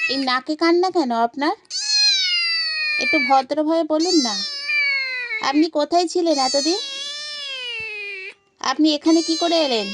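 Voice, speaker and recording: A woman's voice: very high-pitched, heavy background noise. A woman vlogger chatting playfully to her cats and to viewers, coaxing and teasing them. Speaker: pet vlogger. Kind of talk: casual chat to pets and viewers.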